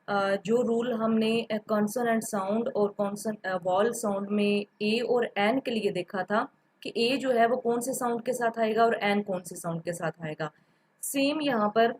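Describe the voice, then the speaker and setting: A woman's voice: fairly high pitch, poor audio. A woman giving a patient, step-by-step grammar lecture, repeating examples and mixing in English terms. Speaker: teacher.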